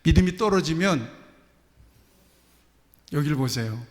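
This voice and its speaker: A man preaching a sermon as pastor, telling stories with lively asides. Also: on the high side, measured pace. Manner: animated storytelling, acting out quoted voices. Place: church sanctuary. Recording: church hall reverb.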